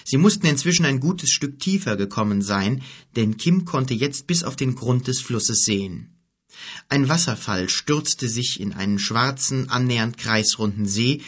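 A man reading a fantasy novel aloud as audiobook narrator, with steady, even storytelling. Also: medium pitch, husky.

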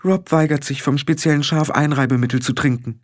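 Ein Mann spricht eine kleine, besorgte Clanchefin mit schriller, schimpfender Stimme. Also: male voice, steady tone, a little fast, a little mellow, natural voice. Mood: sharp. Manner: shrill, worried and scolding. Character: anxious, fussy little fairy-clan matriarch woman.

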